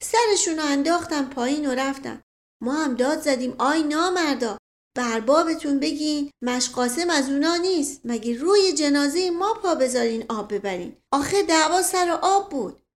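Boastful old manservant read by a woman; high-pitched, folksy and rambling. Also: expressive. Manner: rambling tall-tale telling. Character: boastful old male family servant, folksy.

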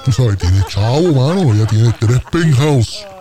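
A man's voice: mid-range voice, animated, measured pace, mellow. A man with a Puerto Rican accent hosting a comedy radio bit, telling a boastful, exaggerated story full of sound effects.

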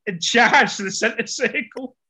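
High-voiced man, chatty host. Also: measured pace, sharp tone, husky. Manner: chatty storyteller, stammers when starting a story. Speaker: podcast host. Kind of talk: casual podcast chat.

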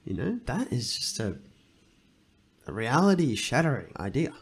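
A man's voice: medium pitch, very animated, normal speed, gravelly, breathy edge. Man rambling through a casual podcast chat. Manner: rambling, thinking aloud, retelling stories. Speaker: podcast co-host.

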